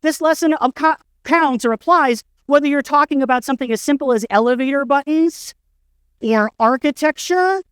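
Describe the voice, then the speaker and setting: A middle-aged man on an indoor conference stage tells stories in a keynote, gently mocking himself with wry humor. His very high voice, a bit bright, comes at normal speed in a dry recording with clean studio sound.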